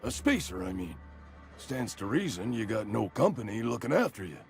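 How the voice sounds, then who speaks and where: An actor playing a nervous, fatalistic company worker in a video game, ailing and doom-laden, with quaintly formal, folksy talk. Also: male voice, mid-range voice, very animated, normal speed, gravelly, faint music behind. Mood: apologetic, pleading. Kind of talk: video game character acting.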